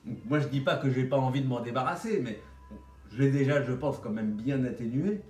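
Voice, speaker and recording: A man's voice: mid-range voice, a little fast, a little mellow. A man talks in a casual, blunt vlog monologue, wandering through slangy asides. He has a slight lisp that whistles on the S sounds. The sound is roomy and echoey, picked up some way from the microphone. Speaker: vlogger. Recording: roomy echo, distant microphone.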